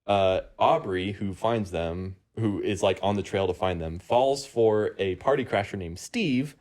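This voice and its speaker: A man's voice: lowish voice, unhurried, a little mellow. A man hosting a casual podcast, rambling through a movie plot recap with lots of ums and uhs among friends. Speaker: podcast host.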